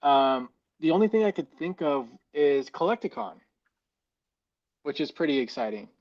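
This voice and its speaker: A man's voice: fairly high pitch, very animated, moderate pace, darkish tone. A man with an American accent chatting casually as a podcast guest, feeling for his words, his voice muffled as if underwater in a fishbowl. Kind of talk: casual chat.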